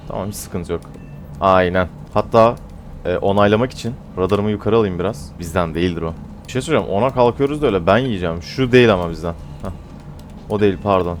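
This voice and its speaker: A man giving casual commentary on his own game, teasing opponents playfully and going loud and high when frustrated. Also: slight background noise. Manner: excitable, trash-talks opponents playfully. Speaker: gamer narrating his own play.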